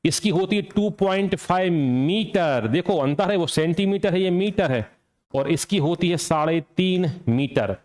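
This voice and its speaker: A man's voice: sits high, expressive, unhurried, a little mellow. A man teaching an exam coaching lecture, asking questions and answering them himself and repeating the key points to drill them in. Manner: asks and answers his own questions.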